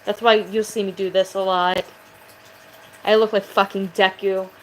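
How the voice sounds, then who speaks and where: A woman's voice: mid-range voice, level tone, moderate pace, a little hiss or hum, poor audio. Rambling, profane woman vlogger. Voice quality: sounds aggressive. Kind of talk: casual chat to camera.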